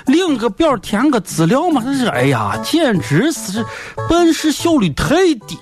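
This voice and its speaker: A man with a Shaanxi accent playing an excitable, nosy everyday man in comic dialect skits, exclaiming, stammering and repeating himself. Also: very high voice, measured pace, faint music behind, full character voice. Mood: flustered. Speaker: sketch comedy performer. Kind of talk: comic two-person dialogue skits in dialect.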